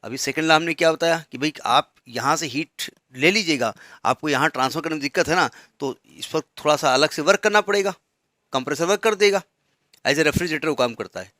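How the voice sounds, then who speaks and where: A man teaching physics in a lively, bantering classroom manner, slowing right down whenever he dictates a line to be written. His voice is fairly high and very bright. It is recorded close and dry. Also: dry recording. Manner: chatty, jokey, dictates slowly for notes. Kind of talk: classroom lecture.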